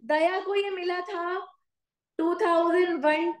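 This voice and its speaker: A woman commerce teacher giving a classroom lecture with an Indian accent, slowly dictating notes and asking her students questions. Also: very high-pitched, steady tone, echoey room, poor audio. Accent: Indian English mixed with Hindi.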